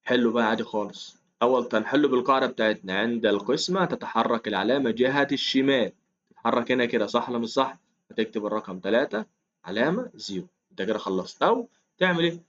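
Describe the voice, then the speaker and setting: Fast-talking Egyptian man teaching math. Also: mid-range voice, animated, muffled recording. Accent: Egyptian Arabic. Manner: chatty, coaxing, counts aloud, calls listener "ya 3am". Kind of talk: casual explained lesson.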